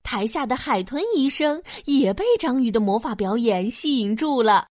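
A woman narrating a scripted children's story in an expressive storytelling manner. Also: a little high, moderate pace, no echo, clean studio sound.

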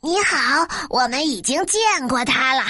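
A woman reading a storybook aloud and voicing an earnest male scarecrow in a plain, slightly lowered tone. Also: lively intonation, measured pace, sharp tone, no room sound, studio quality, heavily acted.

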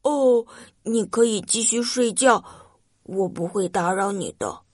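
A woman voicing a timid, lonely female robot in a children's story, gentle and hesitant in the way she talks. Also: fairly high pitch, unhurried, dry recording, clean studio sound, natural voice. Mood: sad, pleading. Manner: hesitant, stammering, apologetic.

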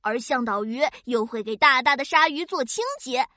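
A woman voicing an excitable, childlike host of a children's science cartoon, wide-eyed and exclaiming to her young audience. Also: high voice, normal speed, dry recording, studio quality. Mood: cheerful. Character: Qiqi, excitable childlike friendly kids' science show host.

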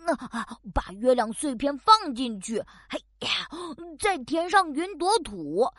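High-voiced curious little bear cub. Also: female voice, big pitch swings, measured pace, fairly bright tone, no echo, studio quality, heavily acted. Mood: busy, eager. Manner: hesitant, wondering, exclamatory. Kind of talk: children's audio story acting.

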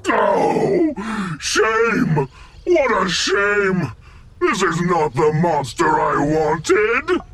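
An actor voicing a blustering, villainous male animal general in a cartoon, who shouts his orders. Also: mid-range voice, animated, extremely slow, over music. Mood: disappointed.

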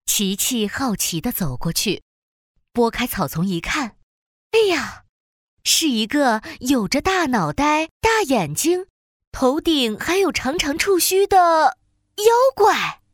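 A woman narrates a children's story in a fairly high, husky voice with very lively intonation. The delivery is scripted and animated, recorded close and dry. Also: slow, dry recording.

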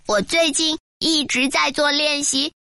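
A woman's voice: high voice, steady tone, measured pace, creaky, pushed and bright, no room sound, studio quality, exaggerated voice. A woman voicing an eager, stubborn little male turtle in a children's story, pleading and insistent.

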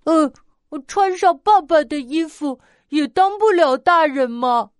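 A woman's voice: sits high, expressive, unhurried, no echo, studio quality, pitched above the performer's own voice. A woman voicing an eager little male bear cub in a children's storybook, childlike and whiny as he wishes to grow up. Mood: pleading.

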